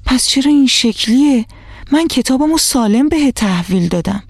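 A woman's voice: fairly high pitch, expressive, no room sound, clean studio sound, pitched above the performer's own voice. Woman doing an insistent little schoolgirl. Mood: upset. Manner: insistent and reproachful. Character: young schoolgirl, upset over her book.

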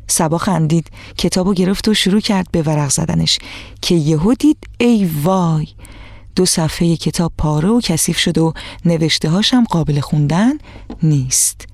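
A woman's voice: lowish voice, dry recording, clean studio sound. A woman radio storyteller reading a children's story, speaking directly to the children. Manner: warm direct address to children. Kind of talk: scripted storybook narration for children.

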